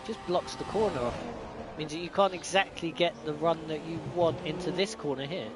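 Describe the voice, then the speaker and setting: High-voiced man co-commentating a sim race. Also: normal speed. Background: racing game engine noise.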